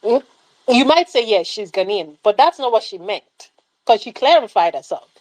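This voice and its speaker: A woman's voice: on the high side, sing-song, normal speed, darkish tone, low-quality recording. A woman on a film club panel, ranting animatedly about a movie with rhetorical questions. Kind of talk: casual film critique chat.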